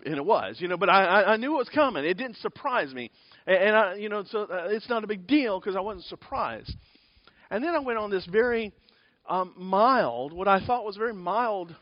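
A man preaching a sermon, telling stories in an animated, rambling way with many fillers and restarts. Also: mid-range voice, dry recording, highs cut off.

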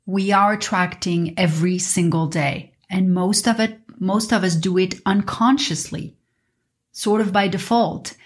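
A woman's voice: medium pitch, fairly even intonation, measured pace. A woman podcast host teaching in an earnest, instructive spiritual guru manner, in a motivational monologue.

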